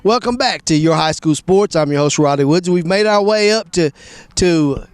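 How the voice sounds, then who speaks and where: A man hosting a high school sports TV show, friendly and easygoing as he sets up an interview. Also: lively intonation, moderate pace, soft background music. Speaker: host.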